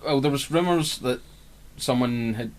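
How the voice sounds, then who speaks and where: A man's voice: mid-range voice, a little slow. A Scottish man co-hosting a casual podcast, chatty and opinionated. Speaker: podcast co-host. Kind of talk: casual chat.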